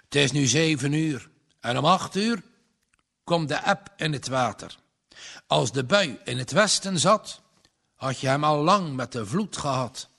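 A man voicing a confident village man who reads the weather, speaking slowly with rising emphasis. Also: on the high side, lively intonation, creaky, a bit bright, heavily acted. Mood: foreboding.

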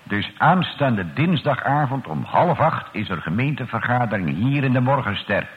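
A man leading a slow, solemn church prayer and sermon as pastor, addressing God in archaic, formal words. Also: medium pitch, sing-song. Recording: old radio broadcast, tinny, echoey church.

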